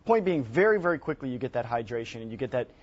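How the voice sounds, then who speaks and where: Speaking fast and very animatedly in a mid-range voice, a man in his thirties explains a product with emphasis as an expert on a home shopping show, repeating words for stress. He's indoors on a TV studio set with a lapel mic. The broadcast audio is slightly dull and lo-fi.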